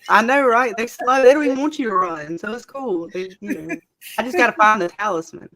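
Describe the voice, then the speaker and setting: Gravelly laid-back woman co-hosting. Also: on the high side, lively intonation, a little fast, no room sound. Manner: laid-back, friendly shout-outs to viewers. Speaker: co-host. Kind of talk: casual live-stream chat.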